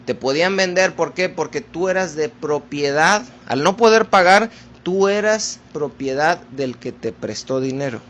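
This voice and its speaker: A man preaching a sermon, addressing his listeners as brothers in a slow, deliberate teaching manner. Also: a little high, expressive, fairly bright tone.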